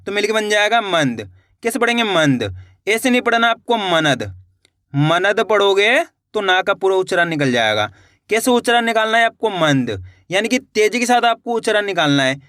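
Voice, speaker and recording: A man teaching Hindi reading online, sounding out syllables slowly and then explaining in a brisk, coaxing way, addressing viewers as friends. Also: high-pitched, bright, forceful tone, clean studio sound. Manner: addresses viewers as friends, repeats words for them to echo.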